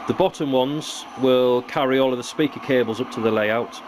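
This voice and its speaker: A British man shows off his model railway build, talking through the hands-on work casually at his indoor workbench. His voice is mid-range and his pace normal, while hum and room noise run through the recording.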